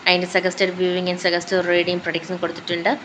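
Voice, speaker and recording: A woman's voice: on the low side, monotone, a little slow, fairly bright tone, slight background noise, poor audio. A woman with a Malayali accent reading out a course syllabus as a list of topics, in short phrases that switch between English and Malayalam. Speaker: teacher going through a syllabus.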